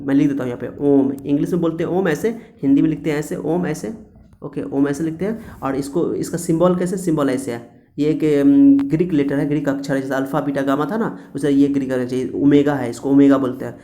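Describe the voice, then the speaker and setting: Mellow-voiced man teaching physics. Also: a little high, steady tone, quick pace. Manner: repetitive, coaxing, asks and answers own questions. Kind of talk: classroom-style physics lecture.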